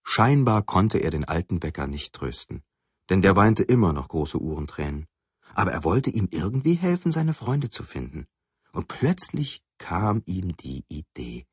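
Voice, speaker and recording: A man narrating a children's story in an expressive storytelling manner. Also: deep voice, normal speed, breathy edge, no echo, clean studio sound.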